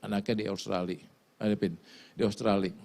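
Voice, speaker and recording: A middle-aged male pastor giving a lively sermon, telling stories and swinging between quiet asides and loud exclamations. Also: lowish voice, a little fast, creaky. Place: church.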